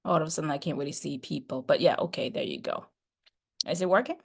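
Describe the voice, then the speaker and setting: A woman's voice: low voice, fast talker, gravelly, husky. A middle-aged woman professor on a video call, talking chattily with many fillers and restarts. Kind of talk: online class introduction.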